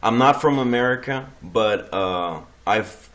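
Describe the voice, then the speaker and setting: A man from the Netherlands chats casually as a guest in a fairly low, slightly bright voice with lively intonation and an unhurried pace. He is hesitant, often restarts his sentences, and swears offhandedly.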